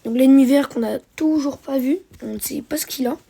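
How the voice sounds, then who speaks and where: Woman, high mellow voice, walking viewers through a strategy match with lots of "uh"s and restarts. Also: a little fast, vocal fry. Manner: hesitant, many fillers and self-corrections. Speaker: gameplay commentator. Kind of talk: narrated strategy game replay commentary.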